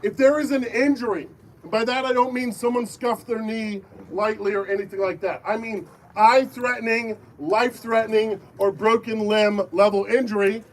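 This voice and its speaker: A man's voice: high voice, steady tone, normal speed. A man leading a safety briefing for a crowd outdoors at an airsoft field, firm and commanding, with call-and-response chants. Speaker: airsoft event briefing leader. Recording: distant voice with faint background noise.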